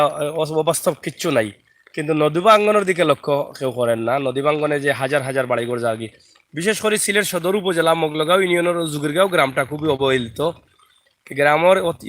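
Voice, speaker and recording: A man's voice: on the high side, fast, a bit bright. A man with a Sylheti accent chatting live to viewers from a riverside village, greeting them by name. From Bangladesh. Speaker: vlogger. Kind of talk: live video chat while filming outdoors.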